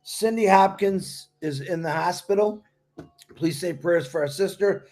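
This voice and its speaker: Man, co-host, high pitch, upbeat, affectionate, restarts sentences. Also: a little slow, darkish tone. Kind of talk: announcements on a live stream.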